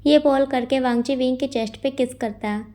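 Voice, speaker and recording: A woman narrating a storybook in a conversational, animated retelling. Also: high voice, moderate pace. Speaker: fanfiction storyteller.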